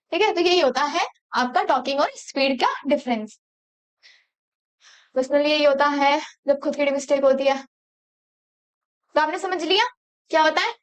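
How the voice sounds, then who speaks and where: A young woman teaching a lecture, mixing in English terms and asking the class rhetorical questions. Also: sits high. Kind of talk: exam-prep lecture.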